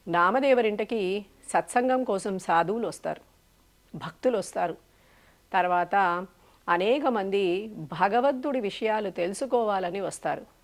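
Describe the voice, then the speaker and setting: Woman giving a devotional story talk. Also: medium pitch. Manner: animated storyteller, asks rhetorical questions. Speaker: spiritual speaker.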